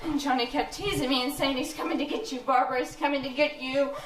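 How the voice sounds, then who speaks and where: An actress playing a terrified young woman recalling her brother's attack, halting and breathless on a theatre stage. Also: high voice, steady tone, lightly acted. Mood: dazed, haunted. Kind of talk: live stage acting. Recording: echoey theatre from far off.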